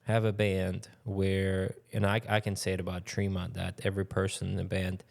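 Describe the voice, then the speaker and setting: A man with a Russian accent hosting a podcast, musing in halting phrases with frequent fillers. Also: low voice, completely flat delivery, vocal fry, darkish tone. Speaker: podcast host. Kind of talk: casual interview chat.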